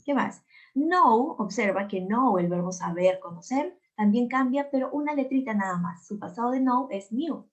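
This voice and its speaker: A woman's voice: on the high side, expressive, moderate pace, muffled recording. A woman from Peru teaching English in a recorded video lesson, speaking with a Peruvian Spanish accent and patiently drilling words by repeating them.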